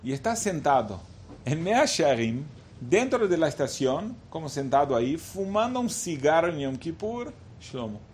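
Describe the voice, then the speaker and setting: Slightly high-voiced male storyteller. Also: big pitch swings, a little mellow, a little hiss or hum. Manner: halting, repeats words while searching. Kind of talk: spoken religious anecdote.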